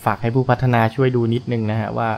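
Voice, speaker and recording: A man's voice: medium pitch, level tone, fast talker, gravelly, a little mellow. A young man casually commenting on a truck driving game, chatty and polite, thinking aloud as he plays, with game engine noise behind him. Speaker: gaming channel host.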